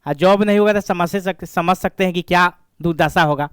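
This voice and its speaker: High-voiced male grammar teacher. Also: fairly quick, clean tone, no room sound, clean studio sound. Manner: repetitive, asks and answers his own questions. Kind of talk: classroom grammar lesson.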